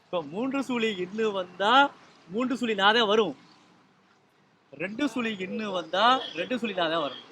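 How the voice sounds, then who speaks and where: A man's voice: high-pitched, moderate pace, pauses often, pushed and bright, slight background noise. A man teaching language and spelling rules to a small group, patient and explanatory, often checking with questions. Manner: patient, quizzes listeners with repeated questions.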